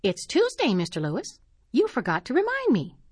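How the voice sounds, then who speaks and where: A woman's voice: high-pitched, wildly swooping pitch, moderate pace, slightly rough, dry recording, voice pushed up, exaggerated voice. A woman reading aloud and voicing a prim, gossipy older spinster with genteel, tartly dry manners.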